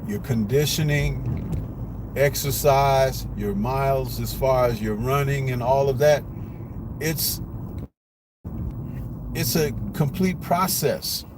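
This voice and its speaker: Slow-talking man ranting on a noisy live stream. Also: mid-range voice. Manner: blunt, rambling opinionated rant with rhetorical questions. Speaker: boxing commentary host. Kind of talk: casual live commentary. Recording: noisy live stream with street and car noise.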